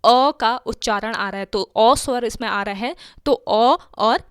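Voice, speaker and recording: Female tutor, slightly high voice, dry close recording, patient explainer who quizzes and answers herself. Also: moderate pace, clear, resonant tone, no echo. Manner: explains step by step, asks and answers her own questions. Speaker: teacher. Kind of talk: exam-prep grammar lesson.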